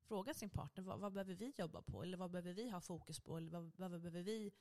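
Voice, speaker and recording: Woman chatting casually, kinda low voice, tells stories with lots of acted-out quotes. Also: creaky. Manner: lively storytelling, acts out quotes. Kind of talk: casual chat.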